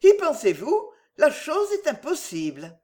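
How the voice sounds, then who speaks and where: A woman voicing a gentle, sincere young woman who answers with earnest, firm dignity in an audiobook. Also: sits high, wildly swooping pitch, unhurried, pitched above the performer's own voice, heavily acted. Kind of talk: audiobook character reading.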